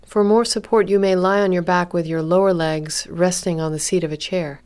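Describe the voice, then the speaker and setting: A woman guides a body scan meditation, her voice smooth and on the low side. She speaks calmly and gently, taking her time and leaving long pauses.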